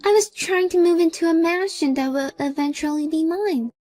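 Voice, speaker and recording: A woman's voice: very high voice, moderate pace, mellow, no echo, voice pushed up. A woman voicing an entitled, pushy young sister-in-law who talks smugly and demandingly. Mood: indignant. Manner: smug, demanding, then pleading. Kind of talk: storybook character voice.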